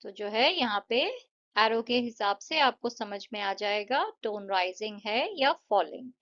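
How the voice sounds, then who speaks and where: A woman's voice: on the high side, animated, unhurried, fairly bright tone. A woman teacher explaining exam answers step by step, patient, mixing Hindi and English. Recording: dull lo-fi audio.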